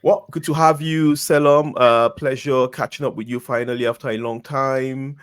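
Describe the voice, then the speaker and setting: A man's voice: medium pitch, steady tone, moderate pace, smooth. A man hosting a casual interview, prompting his guest with short, encouraging remarks. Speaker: interview host.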